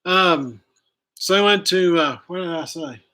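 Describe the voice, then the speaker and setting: A man's voice: sits high, unhurried, pushed and bright. A man hosting a live stream outdoors, chatting casually and rambling, often stopping to correct himself. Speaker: host of a live outdoors channel. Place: outdoors, chilly. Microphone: camera he angles himself.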